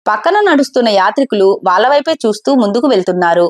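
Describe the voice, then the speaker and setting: A woman storyteller narrating a scripted family story at a steady pace. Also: medium pitch, fast talker.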